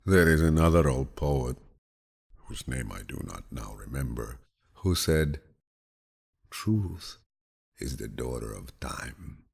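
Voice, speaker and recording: This audiobook narrator reads out quotations with grandfatherly calm. His voice is deep and gravelly with a husky texture, and his measured delivery feels soothing.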